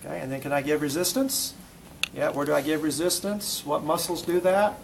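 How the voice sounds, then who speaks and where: A man's voice: on the high side, brisk, creaky. A man teaching a hands-on classroom demonstration, coaching with short repeated commands and quizzing students between steps. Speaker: instructor. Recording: noisy classroom recording.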